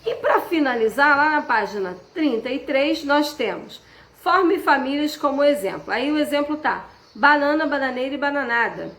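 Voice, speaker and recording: A woman teacher giving a patient remote lesson, slowing down to stress key words. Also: sits high, animated, a bit bright. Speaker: schoolteacher. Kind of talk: remote class instructions. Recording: echoey room.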